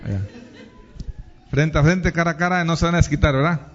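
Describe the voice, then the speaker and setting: Male preacher, high-pitched, teasing and chatty with the congregation, dull lo-fi recording. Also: fairly even intonation, a little fast, some chatter behind. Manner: teasing, playful, asks the congregation questions. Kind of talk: lively sermon with audience questions.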